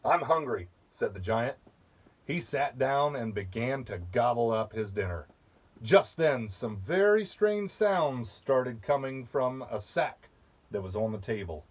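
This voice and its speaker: A man reading a children's picture book aloud, slowly and patiently, pausing to point out the pictures. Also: mid-range voice, expressive. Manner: slow, patient, with asides about the pictures. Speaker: storybook reader.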